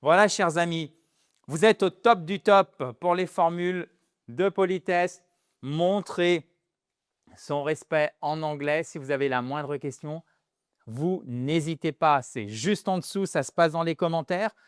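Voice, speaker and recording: A man's voice: a little high, a little slow, clear, resonant tone, no room sound, clean studio sound. A man with a French accent teaching an English lesson, patiently repeating and spelling out pronunciation.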